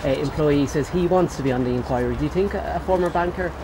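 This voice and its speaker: Quick-speaking male reporter, outdoors. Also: a little high. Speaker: news reporter. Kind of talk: doorstep questioning. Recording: outdoor noise, traffic behind.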